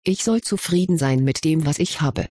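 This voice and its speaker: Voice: medium pitch, normal speed, dark tone, slightly rough, no echo, natural voice. A reader voicing a stubborn, somewhat worried schoolboy wizard in an audiobook of fan fiction, answering in a defensive, wry way. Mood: questioning, wry.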